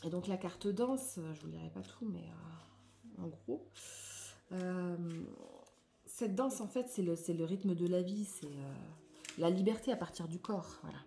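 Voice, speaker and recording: A woman reads oracle cards aloud in a soft, reflective way, adding her own comments and often trailing off. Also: lowish voice, measured pace, creaky. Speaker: spiritual card reader.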